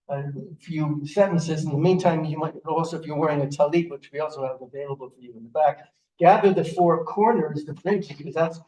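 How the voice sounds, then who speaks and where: Man leading a service from afar. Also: on the high side. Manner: gentle, explanatory, with frequent fillers. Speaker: service leader. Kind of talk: explaining and leading a prayer service. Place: synagogue sanctuary. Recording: roomy, distant, slightly dull sound.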